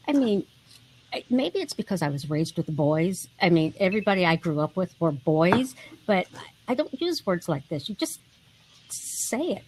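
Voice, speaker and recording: A woman's voice: medium pitch, a little mellow, a little hiss or hum, rough recording. A woman around fifty speaking bluntly and emphatically as a panelist in a casual online discussion.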